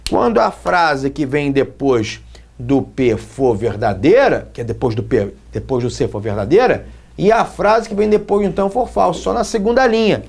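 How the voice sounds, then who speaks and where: Lively Brazilian teacher explaining at whiteboard. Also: male voice, a little high, normal speed, vocal fry. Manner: explains with repeated questions to the students. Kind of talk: whiteboard logic lesson.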